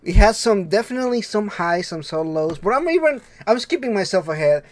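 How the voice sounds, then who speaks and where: A man hosting a casual gaming podcast, excitable and rambling, laughing often. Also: high-pitched, brisk, no room sound. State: under the weather. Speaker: podcast host.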